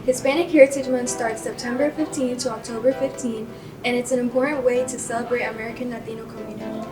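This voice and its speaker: A woman's voice: fairly high pitch, fairly even intonation, fast, far from the mic, music in the background. A teenage girl from Venezuela presenting a school news segment in a friendly, reading tone. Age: teens. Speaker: student presenter.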